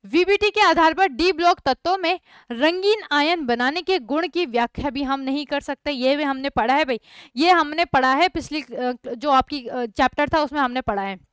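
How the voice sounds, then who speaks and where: Speaking at normal speed in a high voice with no room sound, a young woman delivers an online chemistry lecture. She keeps asking her students questions, repeats them, and regularly checks understanding with "thik hai".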